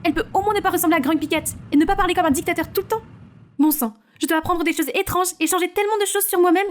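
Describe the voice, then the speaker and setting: A woman's voice: very high voice, racing, voice pushed up. A woman voicing an exhausted teenage girl complaining about her strict life. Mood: exasperated. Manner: exasperated complaining. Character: tired, put-upon teenage girl, frustrated.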